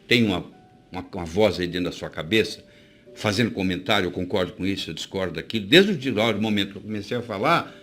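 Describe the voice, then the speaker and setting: A man's voice: on the low side, fairly bright tone, husky. A man with a Brazilian accent giving a motivational talk, speaking straight to the viewer and asking rhetorical questions. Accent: Brazilian Portuguese.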